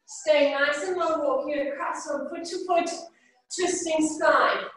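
A woman's voice: sits high, fairly even intonation, a little slow, a bit bright. A young woman working out as she leads a fitness class, urging people on with short motivating gym-coach commands. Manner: exerting herself while demonstrating exercises. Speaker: fitness instructor leading a HIIT class. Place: indoor home exercise studio with cupboards. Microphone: far camera or laptop on a video call. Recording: distant, very echoey room sound.

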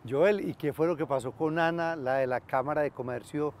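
A man's voice: fairly high pitch, moderate pace. A male interviewer puts short, friendly questions in a slightly raised voice. He is recorded outdoors, with a light hum of street noise behind him. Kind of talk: business interview.

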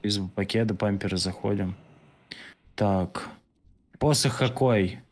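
Low-voiced man giving clipped commands. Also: takes it slowly, a little mellow. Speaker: raid leader in an online game. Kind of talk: terse gaming callouts over voice chat.

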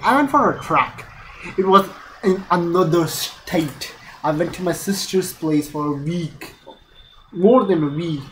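A nineteen-year-old student vlogger with an Indian accent and a slightly high voice chats off the cuff, rambling, cutting himself off, and swearing now and then. He records unscripted in a small, bare indoor room, with background rain making it noisy.

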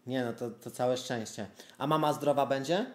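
A man's voice: medium pitch, fairly even intonation, normal speed, darkish tone. Young man streamer, roomy echoing sound. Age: 20s. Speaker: live streamer making a call. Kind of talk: casual phone chat. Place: room at a desk, indoors. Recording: roomy indoor echo.

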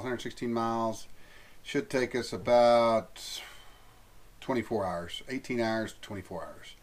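A man hosting a sailing vlog, talking through the weather plan casually, with many fillers. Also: medium pitch. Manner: relaxed, chatty, with many fillers. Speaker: sailing vlog host and boat owner. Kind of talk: casual explaining to camera. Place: aboard a sailing catamaran.

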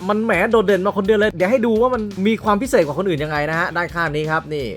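A man's voice: high-pitched, racing, soft background music. A man hosting a casual toy review vlog, chatting straight to his viewers and adding playful sound effects.

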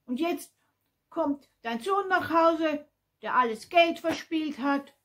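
A woman voicing an angry, resentful older brother protesting loudly in a children's Bible story. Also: sits high, expressive, slow pace, voice pushed up, full character voice. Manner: indignant, protesting.

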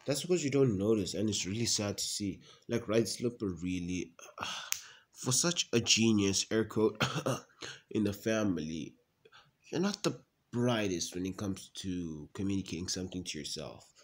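A man's voice: on the low side, expressive, moderate pace, natural voice. A man playing a nagging, teasing young brother in a comedy sketch, mocking and pushing his voice up.

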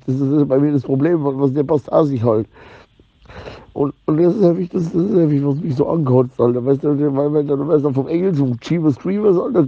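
A middle-aged man with a mid-range, gravelly, mellow and husky voice rambles through a repetitive, informal monologue full of slang. There is no room sound, and the recording is dull and lo-fi.

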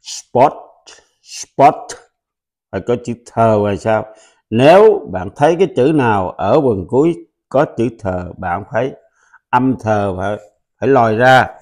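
A man whose first language is Vietnamese, patiently teaching a pronunciation lesson and repeating example words loudly. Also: fairly low pitch, expressive, normal speed. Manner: patient, instructive.

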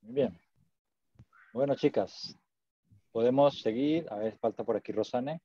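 A man's voice: mid-range voice, unhurried, dark tone, lo-fi sound. A man teaching an online Spanish class, patient and encouraging, repeating words so students can drill them.

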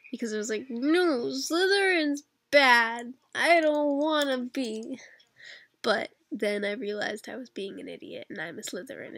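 Female, twenties, Canadian accent. Slightly high, gravelly fry, rambling self-mocking casual chat. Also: a bit bright, no room sound. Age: 20s. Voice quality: creaky. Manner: rambling, self-deprecating, dry asides. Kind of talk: casual chat answering questionnaire questions. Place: dark bedroom at night, lying on a bed.

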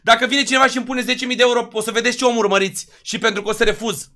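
A young man livestreaming a game, talking loudly to his chat, thanking donors and shouting with excitement at wins. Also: extremely high pitch. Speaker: gaming livestreamer. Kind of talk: hyped livestream commentary.

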